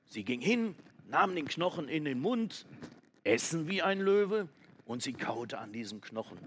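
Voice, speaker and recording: A man narrating a children's animal story in a slow, lively storytelling manner. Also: fairly high pitch, slight background noise.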